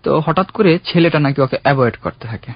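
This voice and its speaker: A young man calling in to a radio show, earnestly recounting his own love story in a halting, heartfelt way. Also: on the high side, expressive, breathy edge, dry recording. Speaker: caller. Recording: dull, dry radio studio sound.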